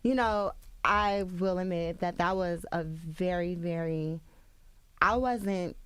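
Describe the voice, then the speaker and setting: A young woman speaks as a guest in a radio studio, her voice sitting a bit low. She hesitates, restarts and backtracks defensively. The sound is close and dry. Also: takes it slowly, clean tone, dry recording. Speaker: interview guest. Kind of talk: radio interview.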